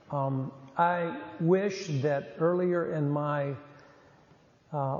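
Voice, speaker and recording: A man's voice: medium pitch, mellow. Older rural North Carolina man in a hall. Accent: rural North Carolina Southern. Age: 70s. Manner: folksy, rambling, many filler uhs. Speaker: guest speaker, former youth pastor. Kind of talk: preaching talk to an audience. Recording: roomy hall, slightly dull lo-fi.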